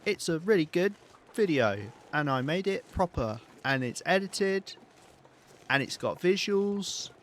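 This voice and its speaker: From the south of England, a man whose voice runs on the high side with a fairly bright tone gives casual, wry live commentary while he plays a video game. Now and then he swears or laughs.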